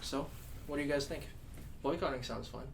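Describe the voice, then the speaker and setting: A young man plays a teasing, easygoing student in a stage drama. His voice sits at a middle pitch, with clear rumbling noise behind it. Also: fairly quick, close to an everyday voice. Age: young adult. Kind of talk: scripted stage drama dialogue. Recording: noisy low rumble.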